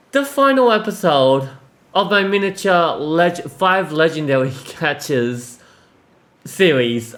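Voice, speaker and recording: A man giving casual, excitable commentary while playing a video game, often exclaiming and tripping over words. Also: a little high. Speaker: gaming video host.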